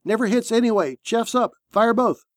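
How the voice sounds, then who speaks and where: A man voicing a male tank commander who shouts terse, urgent orders in battle. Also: very high-pitched, moderate pace, dry recording, studio quality, voice pushed up. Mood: commanding.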